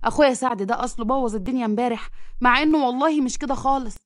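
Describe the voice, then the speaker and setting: A woman's voice: a little high, very fast, no room sound, studio quality, natural voice. A woman voicing an embarrassed, apologetic middle-aged man with an Egyptian accent. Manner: apologetic, placating.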